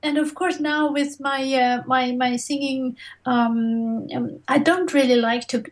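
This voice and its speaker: A woman's voice: high-pitched, steady tone, a little slow. A woman speaking reflectively as an interview guest, hesitant and often searching for words. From Tibetan, living in Europe. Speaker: interview guest, mantra singer.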